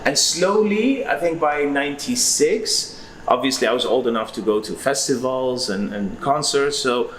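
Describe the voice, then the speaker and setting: A man in his forties from Iraq, a record-collecting guest, answers interview questions casually, telling his story in a rambling, hesitant way full of fillers. His mid-range voice is animated and a bit bright at normal speed, though the audio is poor.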